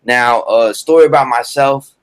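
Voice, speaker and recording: A man's voice: mid-range voice, normal speed. A man in his thirties, originally from Colombia, giving a casual sales presentation over a video call in a loose, filler-heavy way. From Bogota, Colombia. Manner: loose, filler-heavy, repeats "all right, perfect". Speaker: business presenter.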